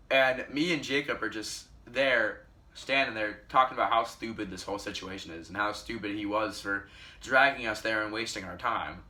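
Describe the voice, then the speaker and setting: Bright and forceful at a medium pitch, a teen boy's voice carries a rambling storytime vlog full of restarts and self-corrections.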